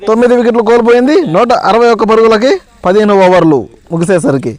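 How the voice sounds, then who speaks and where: A man giving live amateur cricket commentary in an excitable manner, repeating stock phrases of praise. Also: sits high, quick pace.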